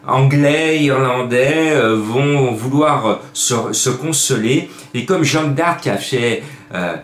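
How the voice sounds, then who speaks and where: A man's voice: medium pitch, roomy sound. A man giving horse racing betting tips in a chatty, rambling, joking way with many fillers. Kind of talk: casual betting tips video.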